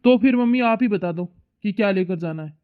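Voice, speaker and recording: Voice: mid-range voice, normal speed, clear, resonant tone, close to an everyday voice. A young son in a cartoon moral story, voiced by an actor. He pleads and argues stubbornly with his mother. The audio is thin and tinny, like a phone line. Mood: arguing. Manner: pleading, arguing back. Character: young working man, the son, reasonable but stubborn.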